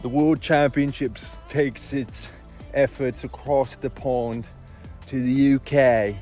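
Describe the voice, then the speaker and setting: A man's voice: mid-range voice, fairly even intonation, takes it slowly, a little mellow. Laid-back young man vlogging outdoors. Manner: laid-back, jokey, laughs at his own bits. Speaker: disc golf pro vlogging a tournament. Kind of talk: casual vlog narration. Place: outdoors on a disc golf course. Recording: background music under the voice.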